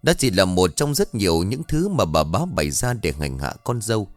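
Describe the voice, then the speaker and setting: A man narrating a scripted ghost story in an expressive storytelling manner. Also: on the low side, normal speed, dry recording, faint music behind.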